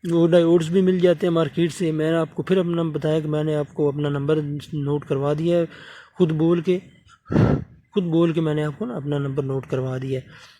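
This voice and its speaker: A man's voice: on the high side, steady tone, mellow, a little hiss or hum. A man from Pakistan explaining a motor repair at his workbench, talking while he works and often checking in with the viewer. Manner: talks while working, often asking viewers to subscribe; repeats fillers and checks in with the viewer. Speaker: electronics repair technician. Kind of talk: hands-on repair tutorial.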